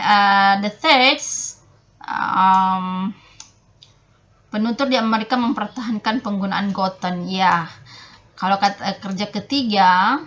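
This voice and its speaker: A woman lecturer explaining English spelling and vocabulary differences, halting often with fillers and restarts as she moves between languages. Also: mid-range voice, fairly bright tone, highs cut off. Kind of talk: online phonology lecture.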